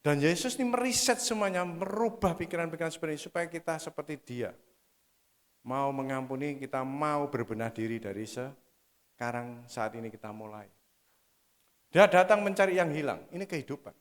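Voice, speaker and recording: A man preaching a sermon, calling the congregation "saudara" and swinging between soft, low asides and loud, emphatic exhortation. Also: a little fast.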